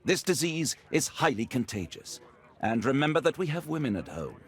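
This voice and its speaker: Man acting an earnest British gentleman doctor, courteous, concerned, animated mid-range voice, video game drama. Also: mid-range voice, moderate pace, natural voice. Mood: alarmed, earnest. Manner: polite, earnest.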